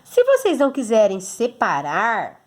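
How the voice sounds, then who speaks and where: A woman's voice: a little high, huge pitch swings, unhurried. A woman with a Brazilian Portuguese accent, a teacher explaining a homework exercise to children patiently, step by step, checking in often. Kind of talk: recorded homework lesson for children.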